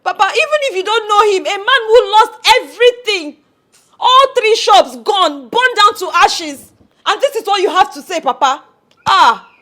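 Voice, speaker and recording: A woman's voice: very high-pitched, expressive, normal speed, fairly bright tone. Distraught young Nigerian woman. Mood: indignant. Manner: pleading, emotional outbursts. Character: distraught young woman, grieving fiancé's loss. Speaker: daughter. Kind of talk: film drama acting. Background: film score.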